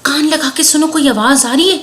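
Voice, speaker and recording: A woman voicing an excited little girl in a children's story, calling out to her friends in a bright, high voice. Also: a little fast. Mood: urging.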